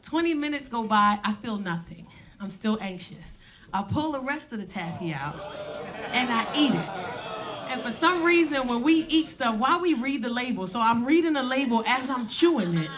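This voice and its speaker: A woman in her forties doing stand-up, telling a story in a brash, profane, animated way on a comedy club stage. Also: on the high side, moderate pace, a crowd in the background. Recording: live audience laughter.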